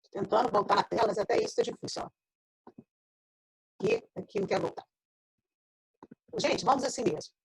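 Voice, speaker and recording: A woman's voice: mid-range voice, brisk, gravelly, pauses often, breathy edge, low-quality recording. A Brazilian woman teaching a math class online, her voice breaking up into choppy, robotic video-call audio as she explains step by step. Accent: Brazilian Portuguese. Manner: explains step by step, checks in with tag questions. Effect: choppy, robotic, glitching video-call audio.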